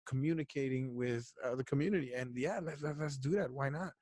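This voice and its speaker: A man from Ecuador co-hosting a relaxed podcast, talking in an easygoing, chatty way and often restarting his phrases. His voice sits at a middle pitch. The sound is dry and close, with no room echo. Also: a little fast. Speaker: podcast co-host. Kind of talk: casual chat.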